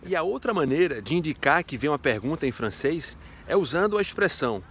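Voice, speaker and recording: A man's voice: on the high side, very animated, brisk, a bit bright, a little hiss or hum. A man teaching a casual video lesson in a chatty, playful way, asking himself rhetorical questions. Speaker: French teacher.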